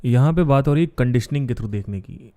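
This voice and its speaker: A man's voice: mid-range voice, expressive, a little fast, warm tone. A man hosting a reaction video, explaining ideas through everyday examples with hesitant fillers. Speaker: host reacting to a clip. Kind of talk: reaction commentary.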